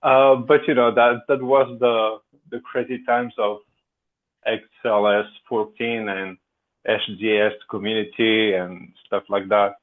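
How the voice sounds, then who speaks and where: Heard over a tinny, phone-like line, a man from France with an accent blending French and Portuguese chats casually as a podcast guest. He sounds hesitant and uses lots of fillers, his lowish voice flat and unhurried.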